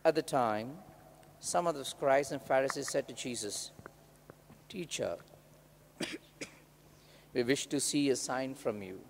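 A man with an Indian English accent, a priest reading the gospel and preaching in a measured, deliberate way, his voice ringing with cathedral echo. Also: medium pitch, creaky, darkish tone. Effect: cathedral echo, long church reverb. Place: large church hall. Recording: long church reverb with faint hum.

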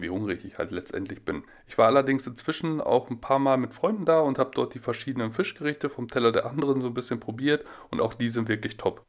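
A man from Germany narrating a casual travel vlog in a relaxed, chatty way, full of small fillers. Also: medium pitch. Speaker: vlogger.

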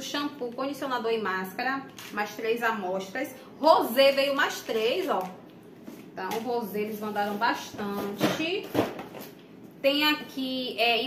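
A woman's voice: on the high side, pushed and bright. A young woman from Brazil with a Bahian accent, chatting casually to viewers while unboxing in a small room, recorded on a camera mic. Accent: Bahian Brazilian Portuguese. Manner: chatty, addresses viewers often. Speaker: vlogger. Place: small room indoors, plain wall. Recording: echoey room, faint background noise.

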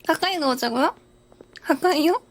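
A woman's voice: high-pitched, animated, normal speed. A woman reacting live as she plays a horror game, panicky and exclamatory, repeating short outbursts and curses. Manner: panicky, exclamatory, prone to shrieks and nervous laughter. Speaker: streamer playing a horror game.

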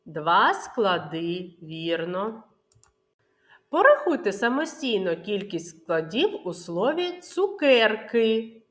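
A woman kindergarten teacher leading a literacy lesson for small children, sounding out words syllable by syllable in a slow sing-song. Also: medium pitch, big pitch swings, fairly bright tone. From Ukraine.

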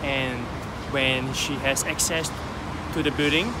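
Man vlogging beside loud traffic. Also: medium pitch, steady tone, slow pace. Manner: explanatory, thinks aloud with fillers. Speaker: feng shui consultant. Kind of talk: walking selfie vlog. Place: outdoors by a busy road. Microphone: phone at arm's length. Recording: loud street traffic noise behind.

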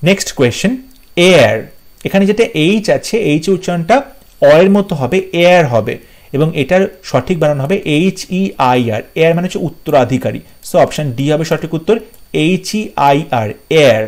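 A man runs an exam-prep spelling lesson, his voice pitched a little high. He spells each word out letter by letter and says it several times. He speaks straight to his students. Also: expressive, brisk, darkish tone. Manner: spells words out letter by letter and repeats them; addresses students directly. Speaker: English teacher.

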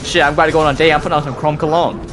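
A man playing a video game with friends, joking around and reacting loudly to what happens on screen. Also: on the high side, little pitch movement, racing. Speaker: co-op player. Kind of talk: casual gameplay banter. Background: game music.

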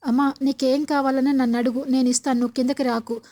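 Woman reading caring grown son, concerned urging tone, mellow voice. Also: high-pitched, little pitch movement, fast talker, lightly acted. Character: caring young adult son.

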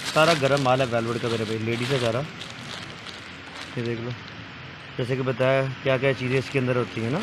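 Holding his phone close, a young man from Pakistan pitches used clothing bundles in a cramped indoor shop, over and over telling viewers to check out the stock and call him. His medium-pitched voice barely varies, he talks briskly but leaves long pauses, and background noise is audible.

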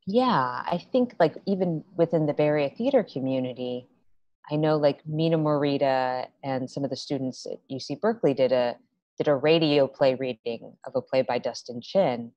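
A young woman with a very low, deep voice talks through a video call. The audio is dry and dull, like a laptop mic in a small home room. She rambles in a relaxed way, full of "like" and restarts. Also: moderate pace, no echo. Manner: chatty, many fillers and restarts. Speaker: playwright guest. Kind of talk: casual video-call interview. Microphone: laptop webcam on video call.

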